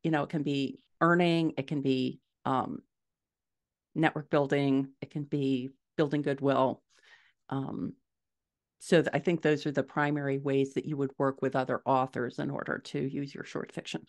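Her voice is a rumbling low, a little mellow, with little pitch movement and a normal speed. She's a middle-aged American woman appearing as a guest author on a relaxed podcast, working through her explanations out loud over a desktop-mic video call from an indoor room at home.

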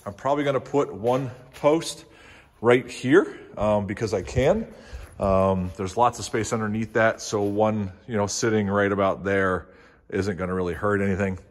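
Filmed on a handheld phone in a big metal barn, a middle-aged man who built it himself rambles through a relaxed tour of the project. He speaks in a folksy way at normal speed with a lowish voice, dropping lots of fillers.

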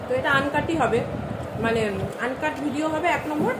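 A woman's voice: sits high, a little fast, roomy sound, very noisy. A woman in her thirties vlogging at home, chatting to viewers while chewing her food. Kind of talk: casual eating-show chat. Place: home room.

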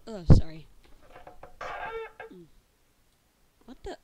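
A woman's voice: medium pitch, very animated, drawn-out words, very noisy. Jumpy woman narrating a horror game. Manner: jumpy, easily startled, reacts aloud to scares. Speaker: gaming channel host. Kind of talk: let's play commentary. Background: loud game music.

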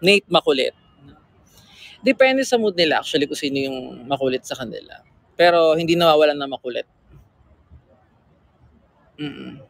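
A man's voice: fairly high pitch, dry recording, poor audio. A man chatting casually with fans on a livestream, teasing and reading their comments aloud, with a slightly sore throat. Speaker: livestream host.

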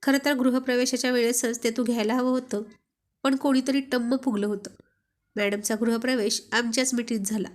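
A teasing young husband coaxes his wife over and over, voiced by a woman reading a storybook aloud. He is playful and insistent, with a fairly high voice. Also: steady tone, fairly quick, natural voice. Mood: teasing, coaxing. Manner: teasing, coaxing.

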